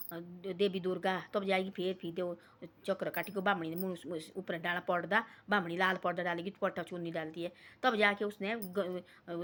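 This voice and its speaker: A woman's voice: mid-range voice, fairly bright tone. Rambling older woman. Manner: meandering, repeats "they say", scolding asides. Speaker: storyteller. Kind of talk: rambling village storytelling.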